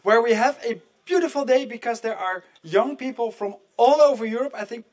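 A man's voice: very high voice, a little fast, a little mellow. A middle-aged man moderating a live event in a conference hall, chatty and joking as he speaks straight to the audience. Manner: chatty, jokey, addresses the audience directly.

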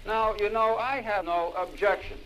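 A man delivers an impassioned political lecture, hammering his points home by saying them twice. His voice sits a little high for a man. He comes from an old vinyl record with a faint hiss of surface noise behind him. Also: fairly even intonation, normal speed, a bit bright, muffled recording. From United States. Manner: emphatic, repeats key phrases for stress.

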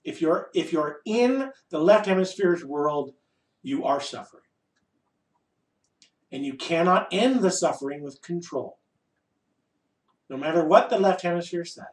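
A man with a fairly high voice speaks as a spiritual teacher to a group in an echoey room. He is wry and emphatic, breaking his thoughts into short phrases with deliberate pauses. The voice sits a little way from the microphone. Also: lively intonation. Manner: wry and playful, asks and answers rhetorical questions. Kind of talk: informal spiritual discourse to a group. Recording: echoey room, voice distant from mic.

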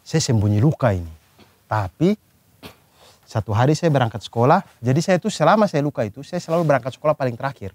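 A man with a medium-pitched voice speaks fast, telling a childhood story in casual chat with friends. An animated storyteller, he acts out the scene with gestures as he goes.

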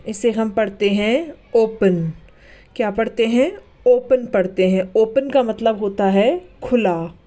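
Slow, patient Indian woman teaching. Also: on the high side, darkish tone. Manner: spells each word letter by letter, then asks and answers it. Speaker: English teacher. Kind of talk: slow vocabulary lesson.

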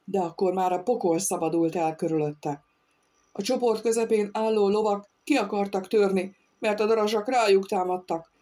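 This is scripted audiobook narration by a woman whose voice sits in the middle range, delivered at a steady, measured storytelling pace.

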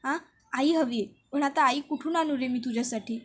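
A woman's voice: sits high, moderate pace, breathy edge. A woman voicing a grief-stricken man, a widowed new father, pleading with frantic repetition. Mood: grieving, pleading.

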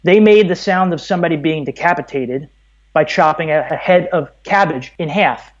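An American audio producer in his thirties from Brooklyn, New York, speaks at length as a podcast guest, explaining things in a casual interview. His voice is fairly high and moderately paced, and the audio is slightly dull and muffled.

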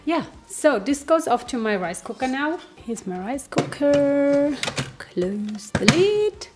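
In her home kitchen, a German-native vlogger demonstrates a recipe, talking casually despite a sniffly cold. Her voice sits high and runs slow and sing-song, with background music playing.

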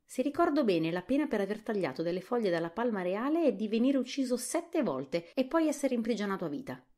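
A woman voicing a fussy, excitable male scarecrow of straw in a soft-spoken whispered role-play audiobook. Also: fairly quick. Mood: alarmed. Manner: excitable, rising to high pitch.

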